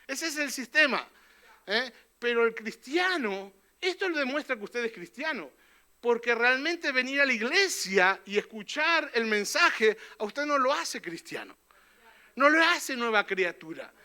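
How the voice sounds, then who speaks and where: Very high-voiced, bright preaching man. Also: sing-song, a little slow. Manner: fervent preaching, peppered with questioning "¿eh?" tags. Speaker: pastor. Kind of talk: sermon. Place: church.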